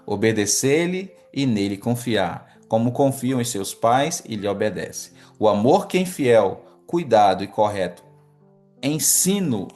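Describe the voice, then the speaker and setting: A man, a pastor giving an earnest teaching sermon on a livestream, reading from a book and asking his listeners questions. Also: medium pitch. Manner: earnest, addresses listeners as brothers, asks the audience questions. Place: online livestream with chat.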